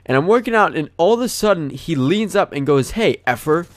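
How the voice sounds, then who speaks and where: A man's voice: on the high side, fairly quick, no echo. A young man hosting a gaming channel, casually telling a rambling story full of fillers. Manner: rambling, animated, many fillers. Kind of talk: casual storytelling over gameplay.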